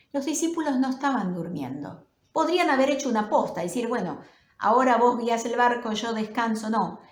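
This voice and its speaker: Rioplatense woman pastor, lively swooping delivery, roomy echo on the recording. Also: on the high side. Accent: Rioplatense Spanish. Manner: warm, animated storytelling with sudden excited bursts. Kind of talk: sermon.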